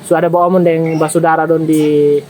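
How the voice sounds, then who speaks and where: A man with an East Nusa Tenggara accent, asking measured interview questions and humming along as he listens. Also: a little high, little pitch movement, a little mellow, a little hiss or hum. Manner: measured questions with frequent hums. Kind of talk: field interview.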